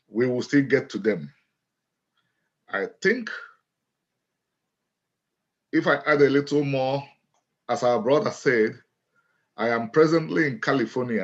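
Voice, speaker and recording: A middle-aged man with a Nigerian accent tells his story as an interview guest. He speaks in a measured, deliberate way at an ordinary pitch and often restates a phrase. The audio is dull and lo-fi. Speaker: guest, author and lawyer.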